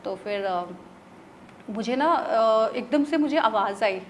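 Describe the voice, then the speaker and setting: A woman's voice: a little high, animated, takes it slowly, a little hiss or hum. A woman from Odisha, a tarot reader and interview guest, tells a story in a chatty way, mixing in English words and checking in with her listener. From Odisha, India.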